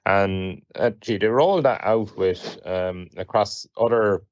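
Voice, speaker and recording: A man's voice: fairly low pitch, unhurried, no room sound. A man on a podcast chatting casually in a rambling way, with many fillers. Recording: dry, slightly dull lo-fi sound.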